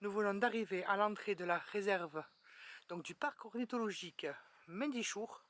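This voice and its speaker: A woman's voice: mid-range voice, moderate pace, a bit bright. A woman hosting a casual travel vlog outdoors at a bird reserve, chatty and often starting her lines with 'voilà', recorded on a handheld camera. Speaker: travel vlogger.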